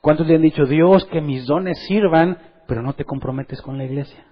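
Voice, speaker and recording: A man preaching a sermon in church, lively, and acting out the voices of the people he quotes. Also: a little high, normal speed, husky, muffled recording. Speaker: pastor.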